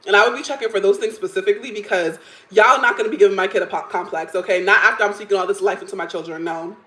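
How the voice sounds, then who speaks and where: A woman's voice: medium pitch, steady tone, rapid-fire, bright, forceful tone. Woman in her 30s hosting a live chat, lots of likes and laughs, kinda echoey room. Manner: chatty, opinionated, laughs often, many "like" fillers. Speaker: livestream host. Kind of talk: casual chat reacting to stories and chat comments.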